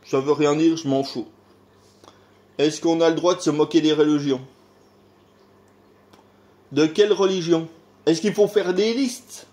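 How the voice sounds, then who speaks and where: A man's voice: a little high, a little slow, pauses often, warm tone. Hesitant French man, rambling monologue. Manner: hesitant, lots of filler sounds and sighs; rhetorical questions, grumbling tone. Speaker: YouTuber.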